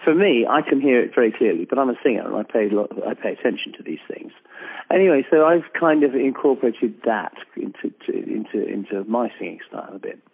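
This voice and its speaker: A man's voice: mid-range voice, lively intonation, a little fast, gravelly. A man, a singer, chatting casually on a call, rambling with many restarts. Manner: rambling, restarts, breaks into soft song. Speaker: singer, guest. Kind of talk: casual chat. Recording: tinny phone-line sound.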